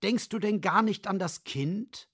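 A man's voice: sits high, a little slow, a bit bright, slightly rough, voice pushed up, exaggerated voice. A man doing a stern, wise donkey.

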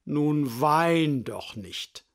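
A proud, hot-headed woodpecker suitor, voiced by a man in a raised, gruff tone that covers a hurt heart. He speaks slowly and deliberately, as in a storybook read aloud. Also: sits high, sing-song, full character voice. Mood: coaxing.

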